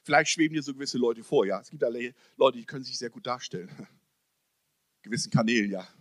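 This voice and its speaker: A man preaching a sermon to a congregation, asking rhetorical questions and swinging between loud emphasis and soft, close-up speech. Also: medium pitch, a little fast, no echo. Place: church service hall.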